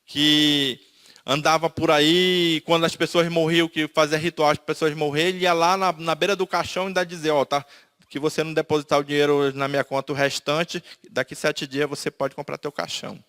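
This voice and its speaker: Man, Manaus Brazilian accent, emotional testimony, acts out dialogue, slightly high voice. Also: little pitch movement, fairly quick, a bit bright, smooth. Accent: Brazilian Portuguese, Manaus. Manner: storytelling, acts out quoted dialogue. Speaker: testimony speaker.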